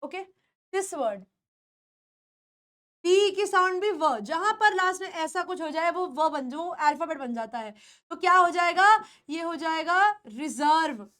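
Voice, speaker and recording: Woman, pronunciation teacher, high voice, repeats words, asks checking questions. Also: expressive, a little slow, bright, forceful tone. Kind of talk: classroom lesson.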